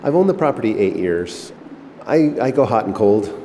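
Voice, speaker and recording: A middle-aged man who owns an old missile silo, talking in a relaxed, rambling way with fillers, recorded inside a concrete chamber. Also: lowish voice, normal speed. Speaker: missile silo owner giving a tour. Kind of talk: casual conversational interview. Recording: echoey concrete chamber, faint background noise.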